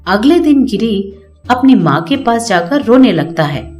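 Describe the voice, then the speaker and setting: A woman narrating a cartoon moral story in a steady, plain storytelling manner. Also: a little high, measured pace, faint music behind.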